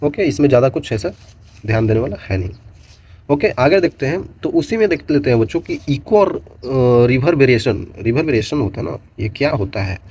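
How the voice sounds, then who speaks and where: Mellow-voiced man teaching physics. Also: medium pitch, animated, normal speed, breathy edge. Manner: explains with repeated gestures and "bachon" asides, mixes Hindi and English. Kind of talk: classroom lecture to students.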